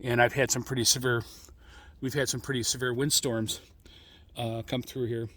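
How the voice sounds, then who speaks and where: A middle-aged American man giving an informal, rambling explanation as a radio hobbyist, speaking in a halting way. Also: medium pitch, flat delivery, a bit bright, dry recording. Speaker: amateur radio hobbyist hosting an introductory video.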